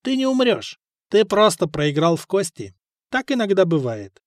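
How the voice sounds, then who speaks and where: A man voicing a thin young man who speaks calmly and with light mockery, in an audiobook. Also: high-pitched, moderate pace, no echo, studio quality, pitched above the performer's own voice. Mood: mocking. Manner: calm, lightly mocking.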